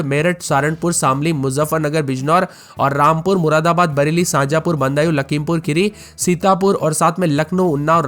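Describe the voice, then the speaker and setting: A man presenting a rapid-fire weather news update, reeling off items in list-like runs and addressing listeners as friends. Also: on the high side, a bit bright. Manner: reels off long runs of items in a list-like, repetitive delivery.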